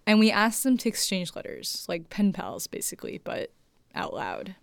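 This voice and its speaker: A woman's voice: mid-range voice, wildly swooping pitch, moderate pace, creaky, dry recording. A woman hosting, narrating a scripted radio story in a conversational way. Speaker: narrator, host.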